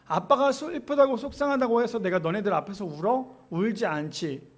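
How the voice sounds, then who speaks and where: A man's voice: high voice, moderate pace. A man in his thirties, a pastor, preaching an earnest, emphatic sermon in a church and weaving in stories from his family life. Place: church sanctuary.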